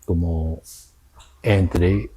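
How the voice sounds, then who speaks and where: A man from South Korea with a Korean accent, a scholar answering interview questions in halting, careful non-native Spanish, often adding "¿no?". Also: sits low, fairly even intonation, dark tone, slightly rough.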